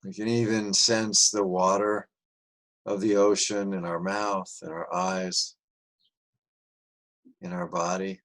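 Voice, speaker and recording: Male meditation guide, low voice, very slow, soft and soothing delivery. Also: little pitch movement.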